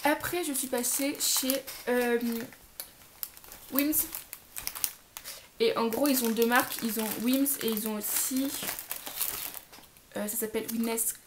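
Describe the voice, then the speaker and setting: Chatty young woman with a high voice. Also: fairly even intonation, slow pace, long pauses, noisy background. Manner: chatty, lots of fillers and restarts. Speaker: pet vlogger. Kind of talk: casual haul vlog.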